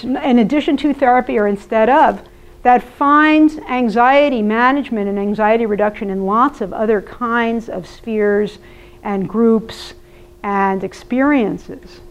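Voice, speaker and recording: A woman therapist giving a lively, conversational workshop talk to an audience and asking them questions. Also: fairly high pitch, vocal fry. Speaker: therapist presenter. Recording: muffled lo-fi recording.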